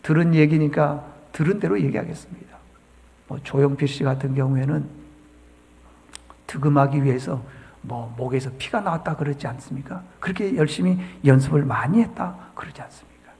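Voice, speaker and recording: Gravelly high-voiced preacher in a hall. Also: male voice, a little fast, darkish tone. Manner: dramatic storytelling, acting out quoted lines. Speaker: pastor. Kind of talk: sermon. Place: church sanctuary. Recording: church hall reverb.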